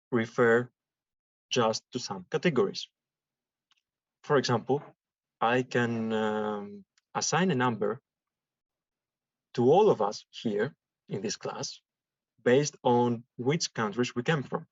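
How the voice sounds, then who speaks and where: A man's voice: medium pitch, breathy edge, no echo. A man from Greece, giving a classroom statistics lecture and explaining step by step with examples. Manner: explains slowly with examples and repetition. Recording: dull dry lecture recording.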